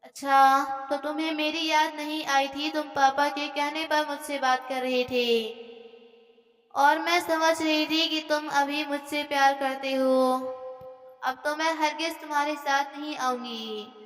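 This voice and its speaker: Woman doing a proud stubborn young wife, snappy and defiant, high flat voice, echoey with soft music. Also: a little slow. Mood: angry. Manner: sharp, defiant and shouting. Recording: echoey hall with faint music.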